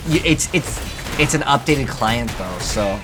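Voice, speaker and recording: A man with a mid-range, animated voice talks at a measured pace as host of a gaming video. His commentary on the gameplay is casual, conversational and rambling, with video game music running in the background.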